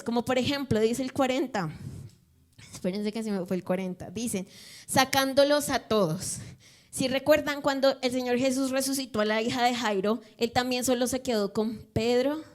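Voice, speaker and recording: A woman delivers an expository sermon to her congregation. Her voice sits a little high, and she talks in a relaxed, conversational way. She keeps turning to her listeners with questions. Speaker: preacher.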